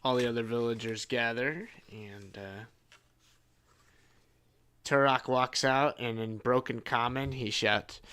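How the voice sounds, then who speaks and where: A man narrating as game master of a tabletop game, halting and full of fillers. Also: medium pitch, fairly even intonation, pushed and bright, clean tone. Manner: halting, many fillers and restarts.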